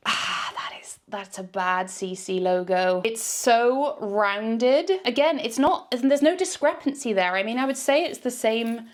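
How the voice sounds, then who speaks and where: A young British woman from the UK, a fashion vlogger chatting candidly through a try-on haul review with quick asides. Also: on the high side.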